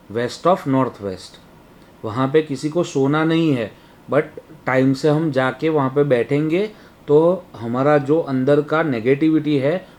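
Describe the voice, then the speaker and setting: हिंदी में पढ़ाता हुआ वास्तु शिक्षक, आदमी. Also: male voice, fairly high pitch, a little mellow. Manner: explains step by step, often asking "right?". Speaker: Vastu teacher. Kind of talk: webinar lecture.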